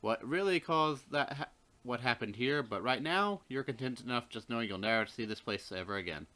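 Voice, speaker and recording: A man's voice: medium pitch, lively intonation, fairly quick, sharp tone. A man co-hosting a game playthrough, reading the game's narration aloud and chatting. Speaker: let's play co-host.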